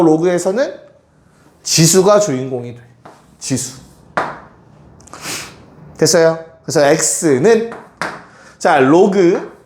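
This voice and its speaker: In a faint-noise, echoing classroom, a man leads a math lesson, talking directly to his students and often checking that they're keeping up. His voice is high-pitched with a darkish tone.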